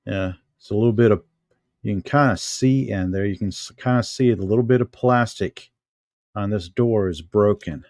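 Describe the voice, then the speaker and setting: Recorded with clean studio sound and no echo, this clip features a middle-aged American vlogger speaking in a fairly low, darkish voice. He's at home doing a casual show-and-tell, unhurried and musing aloud to himself as he handles various items.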